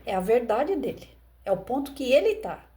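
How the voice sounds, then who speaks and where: A woman's voice: fairly high pitch, sing-song, moderate pace, warm tone. A woman with a Brazilian Portuguese accent, an educator talking through a parable in a conversational way and asking rhetorical questions. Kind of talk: reflective commentary on a parable.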